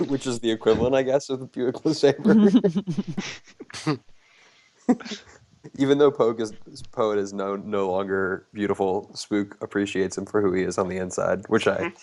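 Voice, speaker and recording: A man playing a tabletop role-playing game, quick and jokey, often laughing. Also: fairly low pitch, darkish tone, a little hiss or hum. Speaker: player. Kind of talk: casual tabletop game chat.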